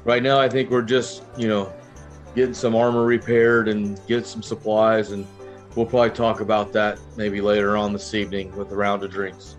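A man's voice: fairly low pitch, flat delivery, normal speed, soft background music, close to an everyday voice. A man playing a friendly, rambling adventurer in a tabletop game, talking like a jovial town drunk. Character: friendly, rambling wandering adventurer, happily drinking in a tavern. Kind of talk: improvised tabletop role-play.

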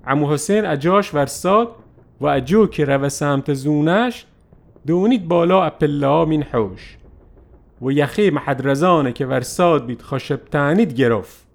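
A man narrating a first-person story in a lively, animated way. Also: a little high, gravelly.

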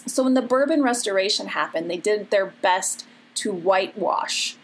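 A woman's voice: medium pitch, animated, normal speed, slight background noise. A woman with a Chicago accent hosting a chatty, gossipy history podcast in a breezy, conversational way. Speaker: podcast host.

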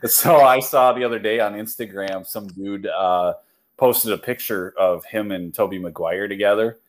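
A man with a fairly low voice chats loosely on a nerdy podcast. He rambles through fillers and restarts, laughing as he goes. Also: moderate pace. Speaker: podcast co-host. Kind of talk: casual chat.

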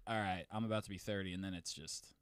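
A man's voice: deep voice, fairly even intonation, fast talker, clean tone, no room sound. A man in his twenties co-hosting a podcast in casual chat, laid-back and swearing freely. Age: 20s. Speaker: podcast co-host.

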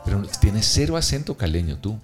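Deep-voiced man hosting an interview. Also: very animated, fairly quick, soft background music. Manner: curious questioner with short agreeing replies. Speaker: podcast host. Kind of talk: casual interview.

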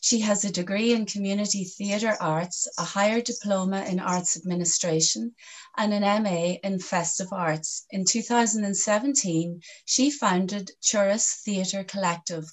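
A middle-aged woman with the accent of the west and northwest of Ireland. She speaks as a podcast host, conversationally interviewing a guest in a medium-pitched voice. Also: a little slow. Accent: Irish, from the northwest and west. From County Donegal, northwest Ireland.

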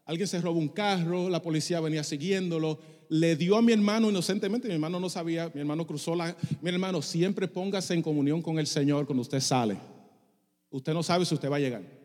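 Middle-aged preacher guy, fiery sermon, mixes in english, slightly high voice, big church reverb. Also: a little fast, darkish tone. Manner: passionate, switches into English phrases. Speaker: pastor. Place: church sanctuary.

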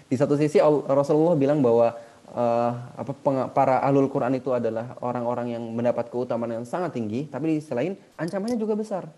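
Fast-talking man giving a lively sermon. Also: mid-range voice. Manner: animated storytelling in colloquial speech; recites Arabic Quran verses. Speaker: Islamic preacher. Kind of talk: casual religious talk.

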